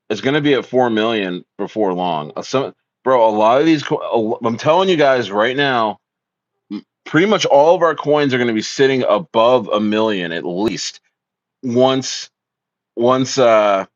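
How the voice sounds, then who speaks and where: With a lowish voice and no room sound, this livestream host from South Jersey, USA, reads out viewer comments on a casual stream. He keeps hyping things in slangy, repetitive speech stuffed with "bro," over dull, dry, lo-fi audio.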